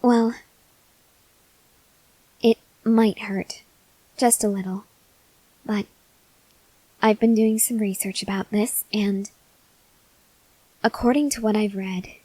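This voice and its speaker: In an ASMR roleplay, a voice actress plays a weary, earnest vampire researcher who is starving, gently pleading with the listener in an acted monologue. Her mid-range voice stays fairly even and soft, halting with long pauses and often sinking to a whisper as she sounds weak and faint with hunger, her mood gentle and apologetic. The low-quality recording has no echo.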